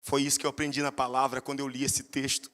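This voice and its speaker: A man's voice: mid-range voice, monotone, quick pace, a bit bright, long reverb tail. A man with a Brazilian accent, a pastor preaching a sermon and telling stories with emphatic rises in his voice.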